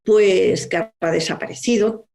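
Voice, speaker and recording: A woman from Spain, a guest on a podcast, telling her story in a loose, rambling way. She leans on small fillers as she goes. Her pitch sits in the middle. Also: a little slow, vocal fry, darkish tone. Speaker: magazine director, guest. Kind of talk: casual interview.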